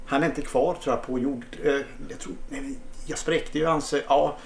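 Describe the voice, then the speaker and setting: A man's voice: fairly high pitch, steady tone, creaky, slight background noise. A man telling a crude, absurd comic story, stammering and hesitating often. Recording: echoey room.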